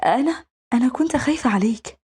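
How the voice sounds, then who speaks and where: A woman's voice: sits high, lively intonation, fast, darkish tone, breathy edge, voice pushed up, full character voice. A woman doing a sweet, pleading young Egyptian girl. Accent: Egyptian Arabic. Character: clingy young woman orphan raised by the boss.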